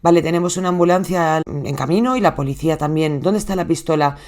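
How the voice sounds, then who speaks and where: A narrator with a Spain Spanish accent reading the lines of a calm emergency dispatcher asking brisk questions. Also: mid-range voice, heavy background noise, lightly acted. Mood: businesslike. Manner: brisk, matter-of-fact questions.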